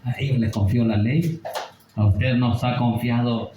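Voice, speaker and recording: A man's voice: medium pitch, steady tone, unhurried, reverberant, noisy background. A man preaching a Bible study sermon, asking rhetorical questions and checking in with his listeners. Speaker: pastor.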